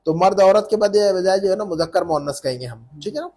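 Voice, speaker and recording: Man teaching a class, high husky voice, patient, repeats each word. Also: expressive, fast, mellow. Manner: patient, drills pronunciation by repeating. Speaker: Arabic teacher. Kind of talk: live class lesson.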